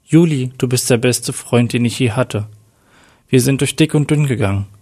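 A man's voice: mid-range voice, moderate pace, a little mellow, natural voice. A man voicing a young man saying a tender last farewell to his best friend.

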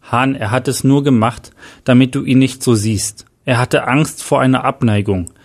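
A man's voice: mid-range voice, fairly even intonation, normal speed, lightly acted. A man voicing a grieving male team leader, shaken but determined, who speaks urgently with emotional outbursts.

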